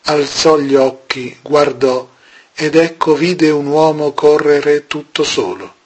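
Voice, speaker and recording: A man reads scripture aloud at an unhurried pace, leaving long pauses between phrases. His voice is husky and breathy and sits at an ordinary male pitch. The delivery stays measured and solemn throughout. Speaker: scripture reader. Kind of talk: slow scripture reading.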